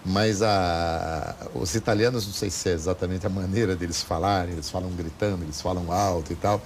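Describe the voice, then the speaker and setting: A Brazilian man hosting an interview, chatty and quick to interject while reading out listener questions. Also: sits low, fairly even intonation, slight background noise. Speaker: interview host.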